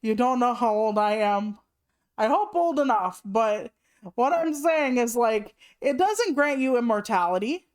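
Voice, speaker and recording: A woman's voice: fairly high pitch, expressive, unhurried, darkish tone. A woman in her late thirties chatting casually on a live stream, rambling through asides and swearing freely. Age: 30s. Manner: rambling asides with many "like" fillers.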